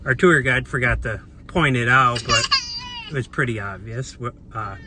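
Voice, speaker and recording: A man's voice: mid-range voice, normal speed. Man, casual travel vlog, rambling with fillers, outdoors, street and traffic noise behind. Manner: rambling, lots of fillers and restarts. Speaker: travel vlogger.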